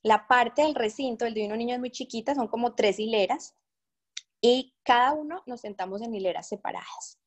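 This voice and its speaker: A woman's voice: a little high, normal speed. A woman, telling an audience an earnest, emotional personal faith testimony. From Colombia. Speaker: speaker giving a testimony.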